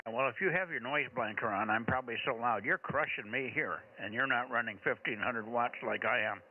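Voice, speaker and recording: A man's voice: mid-range voice, brisk. A man running a ham radio net in easy, casual radio talk, closing his turns with "over", his signal slightly distorted. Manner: relaxed, ends turns with "over". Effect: slightly fuzzy, distorted radio signal. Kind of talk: casual radio chat with call signs. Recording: tinny radio transmission with loud static.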